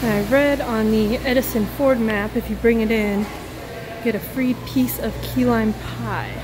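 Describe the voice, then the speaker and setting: A woman's voice: fairly high pitch, steady tone, measured pace. A woman vlogger chatting casually as she films a restaurant review on a handheld phone. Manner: chatty, narrating while filming. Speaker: travel vlogger. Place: busy seafood restaurant. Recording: loud music and crowd noise behind.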